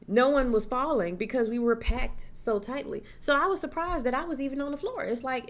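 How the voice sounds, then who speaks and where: This horror vlogger, a young woman, recounts something that happened to her with casual energy, mimicking the people she quotes as she goes. Her pitch is fairly high.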